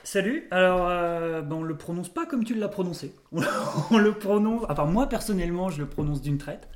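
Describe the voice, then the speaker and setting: A man, an artist, talking as a guest in a casual interview, relaxed and thoughtful with loose phrasing. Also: sits high, normal speed.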